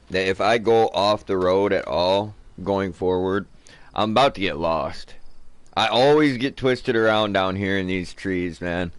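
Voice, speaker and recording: A man's voice: low voice, clear, resonant tone, no echo. A man streaming a survival game live, talking casually to viewers, saying dude and man and swearing freely.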